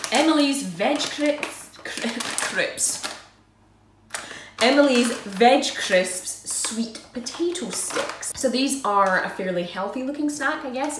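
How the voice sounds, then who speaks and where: A woman chatting casually as she unboxes and tastes snacks, self-deprecating and giggly. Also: on the high side. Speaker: food vlogger. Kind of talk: casual unboxing and tasting review. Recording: roomy echo, mic at a distance, faint noise.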